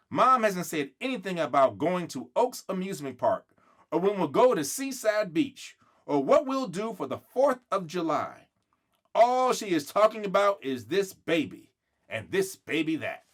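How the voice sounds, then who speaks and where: A man with a high-sitting, somewhat bright voice reads a children's book aloud. He tells the story expressively, acting out the dialogue and drawing words out for emphasis.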